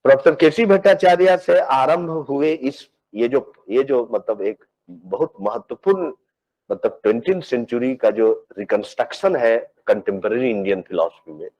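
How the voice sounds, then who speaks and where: A man, a philosophy professor, giving a measured academic lecture. He explains step by step, often repeating words as he searches for phrasing, and mixes English technical terms into his speech. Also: mid-range voice, expressive, a little mellow, low-quality recording.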